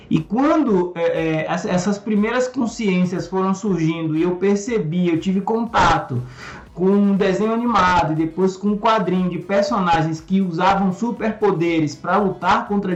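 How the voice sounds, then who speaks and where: A man from Salvador, a guest explaining comics at length in a thoughtful way with frequent fillers. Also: sits high. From Salvador, Brazil. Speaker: guest, comics channel host. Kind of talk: casual explanatory chat. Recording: echoey, muffled room over a call.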